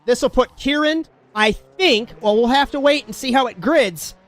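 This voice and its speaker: A man calling a race as play-by-play commentator, excitable and shouting at the big moments. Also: very high voice, normal speed.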